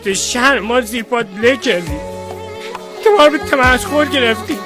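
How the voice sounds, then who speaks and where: A man's voice: sits high, fairly even intonation, music in the background, close to an everyday voice. An actor with a Kerman accent playing an emotional Kermani man who proudly defends his dialect. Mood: aggrieved. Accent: Kerman Persian. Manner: emotional, pleading then proudly shouting. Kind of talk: comic sketch acting.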